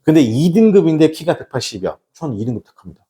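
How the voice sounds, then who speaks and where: A man's voice: fairly high pitch, big pitch swings, quick pace, dark tone. A middle-aged man teaching a classroom English lesson, chatty and joking, constantly checking in with his students. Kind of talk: classroom lecture.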